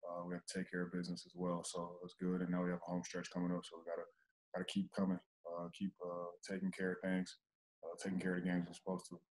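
A young man, a basketball player, answering reporters' questions calmly after a game over a video call. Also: fast talker, poor audio. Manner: low-key, even, steady delivery. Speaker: basketball player at postgame press conference. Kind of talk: postgame interview answers. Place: indoor press backdrop, remote video call.

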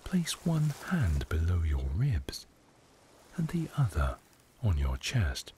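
A man guiding a meditation, speaking softly in a hushed voice that often drops to a whisper. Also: low voice, huge pitch swings, slow pace, a little hiss or hum. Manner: soft, hushed delivery, often slipping into a whisper. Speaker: meditation guide. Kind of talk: guided meditation narration.

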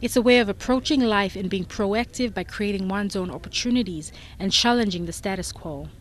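A woman's voice: medium pitch, brisk, a little hiss or hum. Woman reading a news report. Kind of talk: scripted narration.

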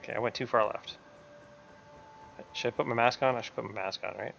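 Gravelly, fast-talking male gamer, lively and excitable; dull lo-fi mic. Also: medium pitch. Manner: excitable, yelps and laughs at in-game threats. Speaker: gamer playing with friends. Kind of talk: casual co-op gaming chat. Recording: muffled lo-fi mic with faint noise.

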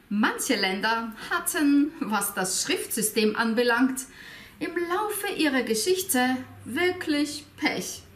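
High, animated woman teaching a language. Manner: playful and expressive, with rhetorical questions to viewers. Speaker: language teacher and video host. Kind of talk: lively educational explainer. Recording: echoey room, faint music behind.

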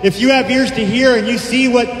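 High-voiced man street preaching outdoors. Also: steady tone, brisk, a little hiss or hum. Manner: emphatic, declaiming scripture with frequent praise interjections. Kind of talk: open-air street sermon. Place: outdoor park by palm trees. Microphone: handheld microphone through a loudspeaker, far camera. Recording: echoey amplified sound outdoors with hall-like reverb.

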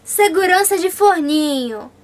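A woman's voice: extremely high pitch, expressive, unhurried. A young woman from Brazil, living abroad, answering viewer questions in a casual, chatty vlog and reading their comments aloud.

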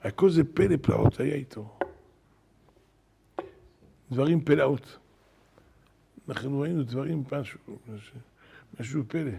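An older man, a rabbi, telling wonder stories in a sermon at a synagogue, animated, acting out what people said. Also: mid-range voice, creaky, long pauses, slightly rough. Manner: animated storyteller, acting out quoted shouts. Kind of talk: storytelling sermon.

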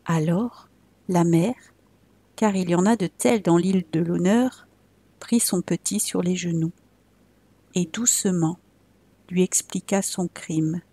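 A woman reading a classic tale aloud as a storyteller, measured and expressive. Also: fairly low pitch, slightly rough, no room sound.

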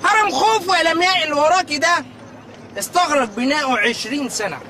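A man's voice: very high-pitched, fast talker, a crowd in the background, background noise. An actor with an Egyptian accent playing an earnest, bookish young history teacher who lectures eagerly and coaxes his fiancée. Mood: lecturing. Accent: Egyptian Arabic. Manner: lectures eagerly, coaxing and pleading.

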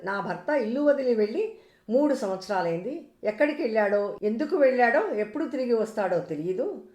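A woman reading as a calm, gentle old male saint. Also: a little high, a little fast, lightly acted. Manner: gentle, consoling, teaching. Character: calm wise elderly male saint guiding devotees. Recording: roomy echo.

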